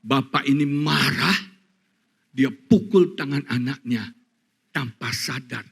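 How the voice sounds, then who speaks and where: A male pastor with an Indonesian accent preaching a sermon, telling stories to the congregation with dramatic swings between loud, excited highs and soft, quiet passages. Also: husky. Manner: animated storytelling, addresses congregation as saudara.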